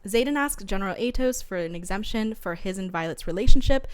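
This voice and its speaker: A woman's voice: medium pitch, animated, fairly quick, clear, resonant tone. A young woman co-hosting a casual book podcast, chatting in a bubbly, giggly sorority-girl manner. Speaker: podcast co-host.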